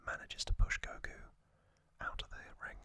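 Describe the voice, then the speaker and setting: Whispering breathily without voicing, this ASMR host gives a slow, seemingly off-the-cuff explainer and stops often. Their tone is bright and forceful, and the recording is dry.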